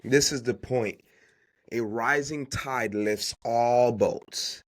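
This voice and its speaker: A podcast host who grew up with Haitian Creole delivers unscripted motivational business advice slowly, in a medium-pitched voice. He stresses key phrases by repeating them emphatically and keeps asking rhetorical questions.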